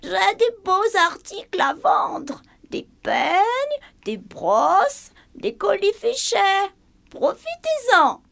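A man putting on a creaky high old witch. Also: wildly swooping pitch, very slow, a bit bright, no room sound, full character voice. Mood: wheedling. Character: cackling old witch peddler woman, wheedling and cruel. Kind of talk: storybook reading.

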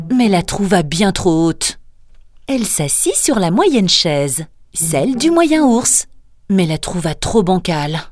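A woman reading a fairy tale aloud as a storyteller, slow and singsong. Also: medium pitch. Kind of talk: scripted fairy-tale narration. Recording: narration over soft music.

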